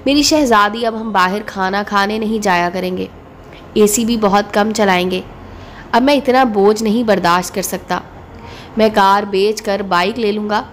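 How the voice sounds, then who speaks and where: A woman's voice: mid-range voice, normal speed, slight background noise, lightly acted. A woman voicing a playful, affectionate young husband in a read-aloud story. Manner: fond, playful.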